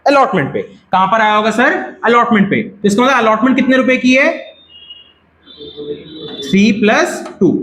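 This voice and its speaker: A man's voice: extremely high pitch, fairly bright tone. A man with an Indian accent teaching a classroom lecture, asking the class questions and repeating their answers. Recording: echoey classroom.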